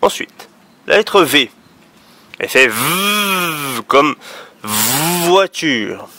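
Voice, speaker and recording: A man's voice: a little high, animated, extremely slow, sharp tone, a little hiss or hum. A man teaching young children letter sounds, patiently drawing out each sound. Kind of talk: phonics lesson for young children.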